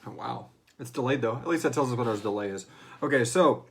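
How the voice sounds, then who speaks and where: Fast and gravelly, this medium-pitched man hosts a serial drama fan Q&A over a casual, unscripted livestream. He rambles, stumbles a bit in his phrasing, and tosses in slang and swearing.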